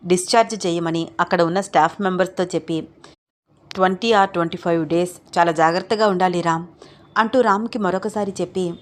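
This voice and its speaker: A woman narrating a family drama story aloud in a steady, descriptive voice. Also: fairly low pitch.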